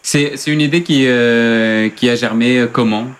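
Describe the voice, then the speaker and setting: A man co-hosting a radio show, asking leading, probing questions in a relaxed, hesitant way. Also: medium pitch, unhurried. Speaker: radio co-host, interviewer. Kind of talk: casual radio interview.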